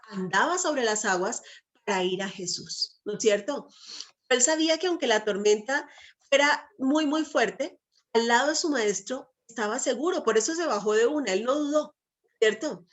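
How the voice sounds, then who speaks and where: A woman with a slightly high voice delivers a sermon, often pausing to ask her listeners questions. She leans on rhetorical checks and quoted scripture, coaxing the congregation along. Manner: asks the audience frequent rhetorical questions. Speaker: preacher.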